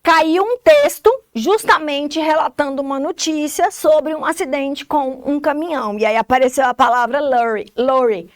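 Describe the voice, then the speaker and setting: A woman's voice: sits high, normal speed, few pauses, no echo, clean studio sound. A woman with a Brazilian Portuguese accent teaching an English lesson, explaining step by step and often checking that students follow. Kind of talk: recorded classroom lesson.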